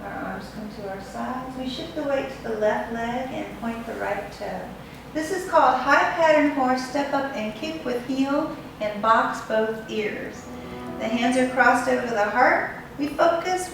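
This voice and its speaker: A woman leading guided tai chi as an instructor, giving step-by-step movement directions in unhurried, measured phrases. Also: on the high side, vocal fry. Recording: very echoey room, distant mic, music behind.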